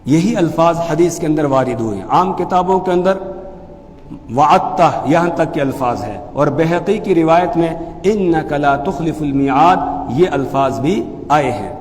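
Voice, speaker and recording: A man teaching as a mufti, explaining pronunciation calmly and then chanting phrases slowly and loudly. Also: a little high, long reverb tail, slight background noise. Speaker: mufti teaching the call to prayer. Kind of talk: religious lesson with chanted demonstrations.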